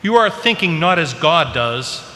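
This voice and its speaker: A man's voice: fairly high pitch, big pitch swings, unhurried, sharp tone. A man speaking as a priest, reading scripture and preaching at Mass, his voice carried in a cathedral-like echo. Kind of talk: Gospel reading and homily at Mass. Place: large reverberant church. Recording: long cathedral-like echo, background noise.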